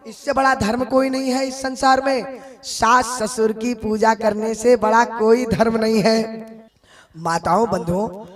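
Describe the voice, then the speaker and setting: Male religious storyteller, very high voice, devotional sermon, slow chanted verses, direct address.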